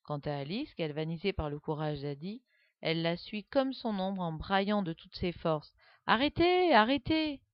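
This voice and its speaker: A woman narrating a children's story with a lively, expressive reading, on a dull, dry recording. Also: low voice, normal speed, dry recording.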